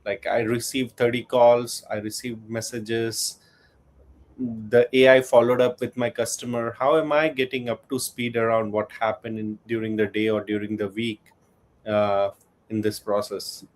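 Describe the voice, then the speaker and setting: A man's voice: medium pitch, little pitch movement, normal speed, poor audio. Encouraging male panelist on a call. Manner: friendly, encouraging, thinks aloud. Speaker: panelist judge. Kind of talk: asking questions on a panel. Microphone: video call.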